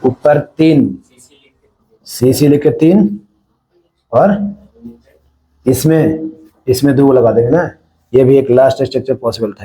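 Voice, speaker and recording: Mellow-voiced Indian man teaching chemistry. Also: mid-range voice, poor audio. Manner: explains step by step, often checking "है ना?". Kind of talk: classroom-style lecture.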